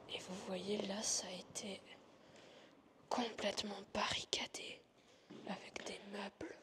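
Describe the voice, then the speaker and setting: A woman narrating an exploration vlog in a hushed whisper, in short halting fragments as she shows a place around. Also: mid-range voice. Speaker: urban exploration vlogger. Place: inside a large abandoned hotel.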